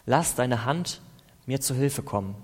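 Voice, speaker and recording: A man preaching reads psalm verses in a calm, deliberate devotional style, his middle-pitched voice slightly rough. Between verses he offers easygoing, conversational explanation, all wrapped in a long reverb like a large hall.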